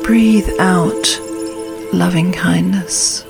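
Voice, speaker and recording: Slow, calm woman leading a grounding meditation. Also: fairly low pitch. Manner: soothing, unhurried, with long pauses between short phrases. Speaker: host of a meditation podcast. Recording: music behind the voice. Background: clear music.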